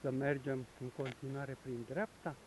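A man's voice: mid-range voice, flat delivery, a little hiss or hum, poor audio. A man narrating a hiking vlog outdoors on a forest trail, explaining the path as he walks. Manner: explanatory, pointing things out along the way.

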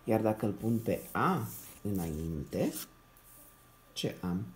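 A man teaching young children a reading lesson. He sounds out syllables slowly, repeats them, and keeps checking in with the class in a patient, encouraging way. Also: fairly low pitch, very animated, a little hiss or hum. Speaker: primary school teacher.

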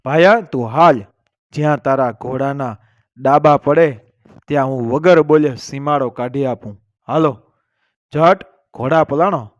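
A man's voice: mid-range voice, measured pace, no echo, close to an everyday voice. A man voicing a bold, grateful chieftain who exclaims with urgency. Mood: urgent. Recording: dull lo-fi and dry.

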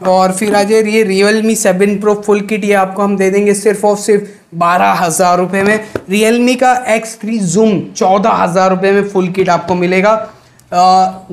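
A young man giving a chatty sales pitch to camera, mixing in English words. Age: young adult. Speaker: second-hand phone seller presenting shop stock. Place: small mobile phone shop, indoors. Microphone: lapel mic.

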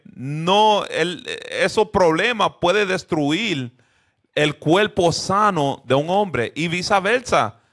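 A man's voice: high voice, a bit bright. A man teaching an interactive Bible lesson who keeps checking in with his listeners and drops English fillers into his talk.

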